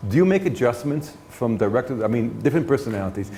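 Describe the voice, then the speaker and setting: A man's voice: mid-range voice, sing-song, quick pace, warm tone, a little hiss or hum. A man from Israel, a filmmaker, interviewing a guest with brief prompting questions. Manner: brief prompting questions, short backchannel replies.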